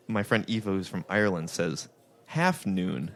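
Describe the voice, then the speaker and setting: A man's voice: low voice, normal speed, fairly bright tone. A man co-hosting a casual TV recap podcast, full of jokey, playful asides. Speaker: podcast co-host.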